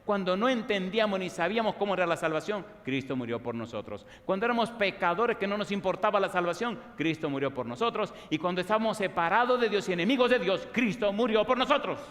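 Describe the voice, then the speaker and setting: A pastor preaching a sermon, asking the congregation repeated questions and building to fervent emphasis. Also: male voice, high voice, animated, fast, few pauses, fairly bright tone, long reverb tail. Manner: call-and-response questions, rising to fervent emphasis.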